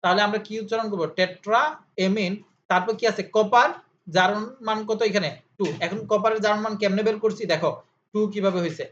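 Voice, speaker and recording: A man's voice: high-pitched, steady tone, a little fast, fairly bright tone. Man tutoring with drilled repetition. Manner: repeats key terms as questions and answers. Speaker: chemistry tutor. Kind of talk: informal explanatory lesson. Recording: slightly dull audio with faint hiss.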